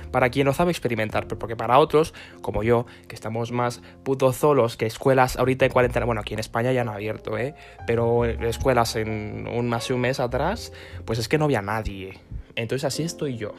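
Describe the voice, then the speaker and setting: A man giving a sarcastic comic rant to camera, swearing constantly and rambling off on tangents. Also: medium pitch. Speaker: vlogger.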